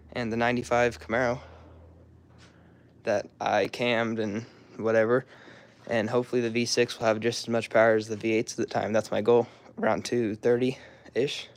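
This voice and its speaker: Young male vlogger, hoarse, rambling and casual; drifts off mid-thought. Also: medium pitch, little pitch movement, normal speed. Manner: rambling, loose and offhand, trails off mid-sentence. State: hoarse, throat-clearing, coughing. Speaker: car hobbyist showing his garage. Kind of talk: casual walkaround vlog.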